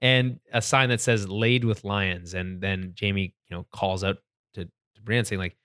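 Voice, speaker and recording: A man's voice: deep voice, fairly even intonation, unhurried, a bit bright, clean tone, no echo, studio quality. A man co-hosting a podcast, recapping a TV episode in casual chat and acting out the characters' lines. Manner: chatty, laughs often, acts out quotes. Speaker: podcast co-host.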